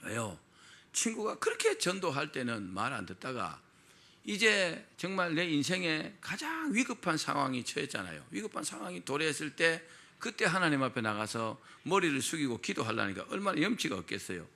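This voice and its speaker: A man's voice: a little high, very animated, normal speed, gravelly, bright, forceful tone. A male pastor preaching a sermon, telling a story and asking his congregation frequent rhetorical questions.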